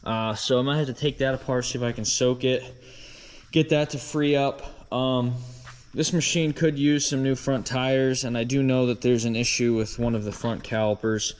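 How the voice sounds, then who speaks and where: Casual man with a smooth, clear voice. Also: mid-range voice, normal speed, long reverb tail. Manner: relaxed, many ums and uhs. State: out of breath after kick-starting. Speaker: vlogger. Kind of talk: casual explaining to camera. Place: outdoors by a driveway.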